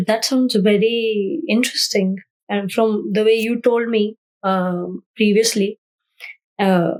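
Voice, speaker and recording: A woman's voice: medium pitch, darkish tone, poor audio. A woman hosting a podcast, reading an upbeat scripted introduction and then asking her guest questions. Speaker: podcast host.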